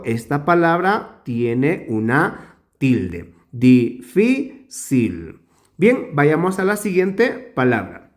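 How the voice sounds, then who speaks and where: Slowly and emphatically, a male teacher gives a grammar lesson, stretching out words to show where the stress lands. His pitch is fairly high.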